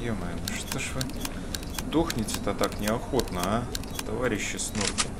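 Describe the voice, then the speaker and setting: A man's voice: lowish voice, normal speed. A man giving casual let's play commentary, muttering to himself and to his enemies in mild slang. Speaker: gamer playing and commenting. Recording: loud game noise behind the voice.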